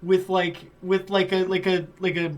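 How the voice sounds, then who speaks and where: A man with a high voice co-hosts a casual podcast. He rambles through long tangents full of "like" and breaks into giggles. His talk is loose and unscripted. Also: completely flat delivery, moderate pace. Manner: rambling, giggly, many fillers. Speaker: podcast co-host. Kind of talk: casual chat.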